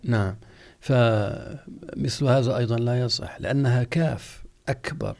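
A man teaching Islamic law at a deliberate pace. His voice sits at an ordinary middle pitch. He stretches out the words he uses as examples so the listener can hear the error he warns against. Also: gravelly, darkish tone. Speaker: Islamic scholar teaching jurisprudence. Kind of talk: religious lesson, question-and-answer.

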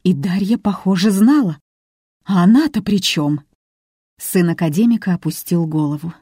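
A woman reads a detective novel in a measured, even way. Her voice is low and dark, and she sits close to the mic. The recording is dry, with no room around it. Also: husky, dry recording. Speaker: audiobook narrator. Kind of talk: scripted narration of a detective novel.

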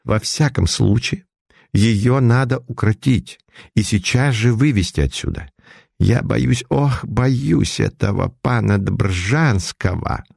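A man's voice: lowish voice, slow pace, vocal fry, a little mellow, breathy edge, dry recording, studio quality, full character voice. A man voicing a scheming, greedy baroness who complains angrily and frets. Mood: angry. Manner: angry, fretful complaining.

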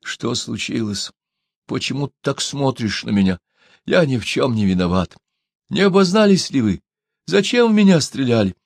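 A man voicing a young male hunter who pleads desperately, his voice rising high as he cries out. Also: sing-song, moderate pace, gravelly, no room sound, studio quality. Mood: bewildered pleading. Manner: anguished, high and crying out.

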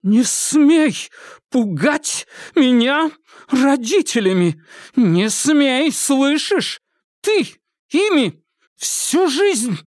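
A man voicing a furious young woman breaking free, her voice hoarse with rage, in an audiobook. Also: very high-pitched, very animated, very slow, no room sound, clean studio sound, pitched above the performer's own voice, heavily acted. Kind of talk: audiobook character voice.

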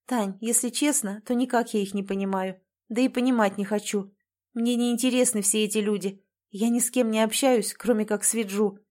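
A woman's voice: mid-range voice, fairly even intonation, fairly quick, a little mellow, natural voice. A woman voicing an emotional young woman, a sister who exclaims and sighs, in an audiobook. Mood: sad. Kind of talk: audiobook character voice.

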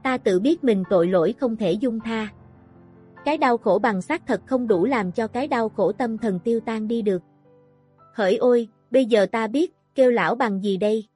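A woman's voice: on the high side, normal speed, darkish tone, slightly rough, faint music behind. A woman voicing a blind, broken old male prisoner who speaks with sorrow and regret. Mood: grieving. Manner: sorrowful, sighing.

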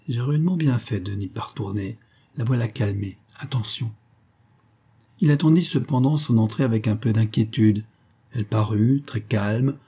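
A man reads a classic novel aloud in a calm, measured way. His voice is very dark and mellow, a little low and slightly husky. He raises his pitch a little to set off the characters' dialogue. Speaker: audiobook narrator. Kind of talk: literary audiobook reading.

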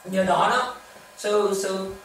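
A Buddhist monk giving a dharma talk to lay followers, with repetitive, animated storytelling and rhetorical questions. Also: medium pitch, slow pace, slight background noise. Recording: echoey hall, distant mic, faint ambience.

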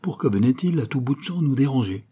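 A stout, red-faced boatman's wife, voiced by a man in an audiobook, fretting aloud and talking on and on. The voice is pitched up and a little husky, with a mellow, soft-edged tone. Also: expressive, quick pace. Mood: worried. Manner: fretful, talkative, pleading. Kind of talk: audiobook character reading.

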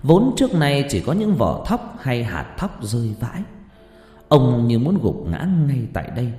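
A man narrating a ghost story in a dramatic, expressive storytelling manner. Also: medium pitch, moderate pace. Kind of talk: scripted narration. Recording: roomy reverb with music.

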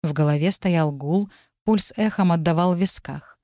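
A woman's voice: lowish voice, normal speed, dark tone, dry recording, studio quality. Woman reading a romance novel aloud. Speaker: audiobook reader. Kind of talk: first-person novel narration.

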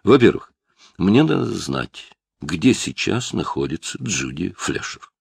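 A man playing a patient calm detective. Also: deep voice, a little slow, vocal fry, husky, no room sound, clean studio sound, exaggerated voice. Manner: steady, patient questioning.

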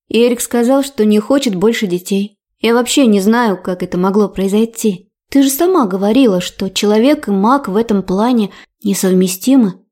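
A woman's voice: a little high, warm tone, natural voice. A woman voicing an earnest, worried young queen in a storybook reading.

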